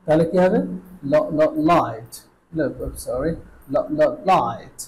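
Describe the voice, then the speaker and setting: In an online lesson, a man with a Bangladeshi accent teaches English pronunciation, slowly drilling sounds and switching between Bengali and English. His voice is on the high side and animated, on a rough recording with a little hiss or hum.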